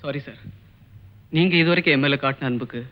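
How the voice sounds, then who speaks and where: A man's voice: mid-range voice, a little fast, lightly acted. An actor playing a dignified young college student who pleads his innocence in earnest, respectful speech. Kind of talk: 1980s film acting. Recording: dull old film soundtrack with music.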